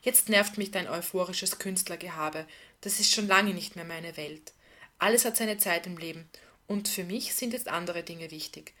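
A woman's voice: lowish voice, normal speed, bright, forceful tone. A woman reading the part of a tense, defensive woman, with curt, exasperated lines. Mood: sharp.

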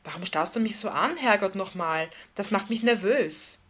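Woman reading irritable flustered woman, curt, clipped, defensive, mid pitch. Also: animated, normal speed, a bit bright. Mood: irritated.

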